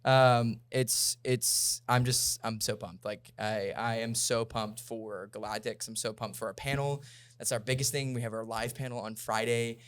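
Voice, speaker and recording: A man co-hosting a podcast in casual chat, excitable and rambling with lots of fillers. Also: mid-range voice, moderate pace. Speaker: podcast co-host.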